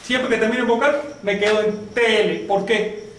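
A man's voice: high voice, fairly even intonation, moderate pace, fairly bright tone. A man teaching a language class, explaining step by step and quizzing his students with questions. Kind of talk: classroom lesson. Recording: echoey room from far off with faint noise.

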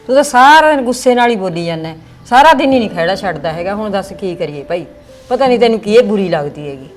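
A woman's voice: mid-range voice, animated, quick pace, soft background music. A woman with a Punjabi accent playing a mother in a village drama, scolding her son. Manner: defensive, scolding.

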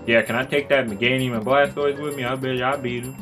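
A man's voice: medium pitch, fairly even intonation, fast talker. A young man playing through a video game, reading the dialogue aloud and joking crudely between lines. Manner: casual, crude, joking, puts on voices for characters. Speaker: let's play gamer. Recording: game music playing behind.

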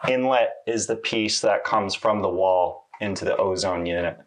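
A man in his thirties casually walking through a laundry installation step by step in a small laundry room, relaxed and conversational. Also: low-pitched, moderate pace, noisy background. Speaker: installation demonstrator. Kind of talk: casual how-to walkthrough.

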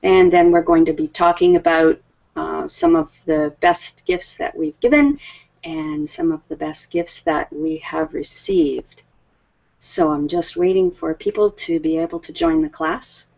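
Speaking in an unhurried, gravelly voice that sits lowish with a darkish tone, a woman in her fifties teaches English online from a room in her house. She is patient and warm with her students and laughs often during the slow, friendly lesson. Her webcam recording on the video call is low-quality.

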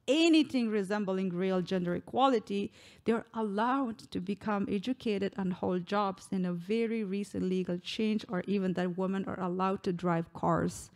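A woman's voice: mid-range voice, a little mellow. A young woman from Afghanistan giving a read keynote speech into a stand microphone, earnest, with frequent small restarts. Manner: earnest, reading from notes with restarts. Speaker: keynote speaker. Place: indoor room. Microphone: stand mic close to mouth.

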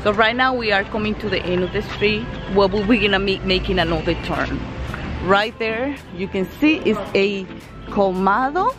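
A travel vlogger with a medium-pitched voice speaks at normal speed, chatting and correcting herself as she films a walking tour on a busy street beside traffic. She holds the phone camera at arm's length. Loud traffic and music fill the background, with cars passing by.

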